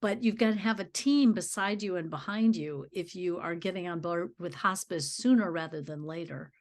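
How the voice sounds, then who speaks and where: A woman's voice: lowish voice, moderate pace. A woman hosting a podcast interview in a chatty, reflective, conversational way, affirming what her guest says. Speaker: podcast host.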